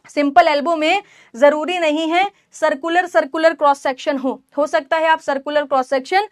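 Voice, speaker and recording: A woman's voice: high voice, dry recording, studio quality. A woman lecturing on engineering in a classroom style, asking her class questions and answering them herself, with teasing asides to her students. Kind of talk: classroom lecture mixing Hindi and English terms.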